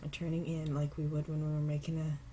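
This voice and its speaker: Faint hiss sits under this casual craft tutorial, where a low-pitched woman shows how to make earrings at home, step by step, from her craft table. She has a cold and sounds stuffy, stays relaxed and unhurried, and sometimes breaks off to apologize.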